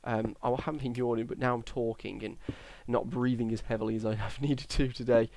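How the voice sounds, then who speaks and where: This is casual gameplay commentary from a young English Minecraft YouTuber who sounds tired and keeps yawning as he talks over his build, rambling, hesitant, and self-correcting. His medium-pitched voice is fairly even in intonation, a little fast, darkish, and has vocal fry.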